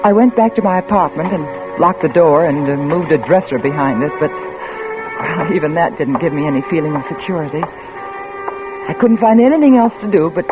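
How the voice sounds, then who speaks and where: A woman with a low, lively voice speaks at a normal pace, playing an anxious, stubborn young investigator in a 1940s radio thriller. She narrates in the first person with tense, dramatic delivery that stammers when she's rattled. The recording is tinny and old, like vintage radio, with music.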